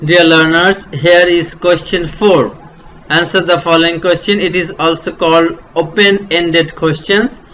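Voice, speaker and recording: Slow, bright-voiced Bangladeshi male teacher. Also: on the high side, fairly even intonation, muffled recording, slight background noise. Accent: Bangladeshi English. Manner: slow, repetitive, step-by-step explaining with fillers. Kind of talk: online English grammar lesson.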